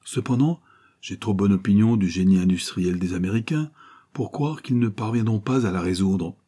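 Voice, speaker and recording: A man's voice: fairly low pitch, moderate pace, warm tone, breathy edge. A man voicing a bold, gallant male adventurer who answers with gracious, ironic confidence, in a storybook reading. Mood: confident, gracious.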